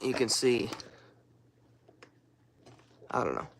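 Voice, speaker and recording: A young man casually showing his cars in a rambling, offhand way, with a scratchy, hoarse voice. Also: medium pitch, very animated, slow pace. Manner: rambling, loose and offhand, trails off mid-sentence. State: hoarse, throat-clearing, coughing. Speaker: car hobbyist showing his garage. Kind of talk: casual walkaround vlog.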